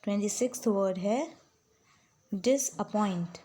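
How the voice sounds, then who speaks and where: A woman's voice: mid-range voice, measured pace, mellow, slightly rough. A woman tutor giving a spelling lesson, dictating words and spelling them out letter by letter, mixing English with Hindi explanations. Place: home room with some background sounds.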